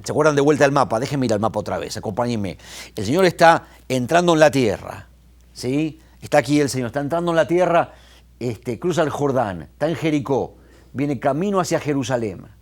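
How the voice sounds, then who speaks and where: Brief: male pastor, lively sermon delivery, swings in pitch and pace. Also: fairly quick. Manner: animated, retells scenes with quoted voices, restarts.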